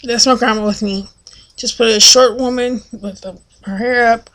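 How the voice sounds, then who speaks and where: A fairly high-voiced woman chats to her camera in a loose, rambling way. She piles on fillers and restarts as she goes. When she acts out other people's lines, her voice turns loud and high. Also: fairly even intonation, moderate pace. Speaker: vlogger. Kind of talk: casual storytelling monologue.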